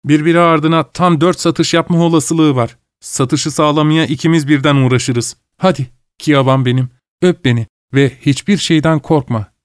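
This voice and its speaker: A man's voice: a little high, steady tone, normal speed, hardly any pauses, smooth, no room sound, clean studio sound, close to an everyday voice. A man voicing Kokua, a determined young wife. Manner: earnest, pleading, determined. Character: devoted young Hawaiian wife, resolute and loving. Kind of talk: audiobook character voice.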